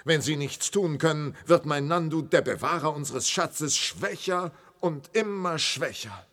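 A courteous, worried maharaja. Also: male voice, on the high side, lively intonation, a little slow, fairly bright tone. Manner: formal, courteous. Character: polite, worried male maharaja.

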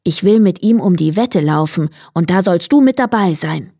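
A woman's voice: fairly low pitch, lively intonation, normal speed, warm tone, dry recording, clean studio sound. A woman voicing a sly, clever male hedgehog in a read-aloud fairy tale, with a confident, cunning manner. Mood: scheming.

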